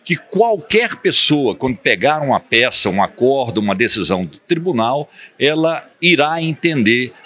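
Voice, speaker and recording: Man, 50s, Brazilian accent, explanatory interview, lively pitch. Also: moderate pace, few pauses. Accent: Brazilian Portuguese. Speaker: tribunal councillor. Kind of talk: press interview. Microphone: handheld reporter mic.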